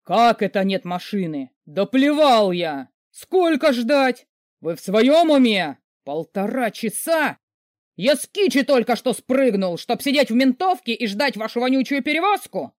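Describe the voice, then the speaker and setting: A woman voicing a hulking, short-tempered rich man who yells, snarls and mocks. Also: deep voice, fairly quick, no echo, clean studio sound, lightly acted. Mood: raging. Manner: yelling, sarcastic, snarling. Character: furious rich man, a hulking grumpy boss.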